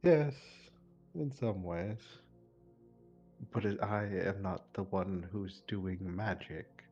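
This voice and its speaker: A stern, pedantic adventurer, voiced by a man with a very low, mellow voice who speaks slowly and formally. The audio is slightly muffled. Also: faint music behind. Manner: measured, corrective, formal.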